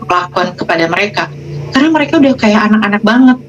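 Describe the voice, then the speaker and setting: A woman, guest on a casual podcast, telling stories with animated, emotional delivery and acted-out quotes. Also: medium pitch, fast, a little hiss or hum. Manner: animated, emotional, quoting patients in dialogue. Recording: dull lo-fi sound.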